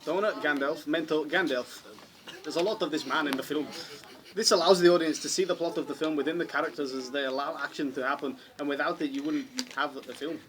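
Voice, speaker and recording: A man's voice: a little high, fairly quick, a bit bright. A teenage male student reads prepared answers for a school interview, often stumbling and restarting words. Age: late teens. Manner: stumbling, frequent restarts while reading. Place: busy classroom. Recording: noisy classroom with chatter behind.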